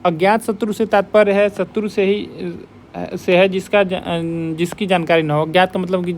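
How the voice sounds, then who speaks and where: Guy tutor with a high voice going over exam questions step by step, bit of faint noise behind. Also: level tone, moderate pace. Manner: explains step by step, repeats key points to remember. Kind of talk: exam question walkthrough lesson.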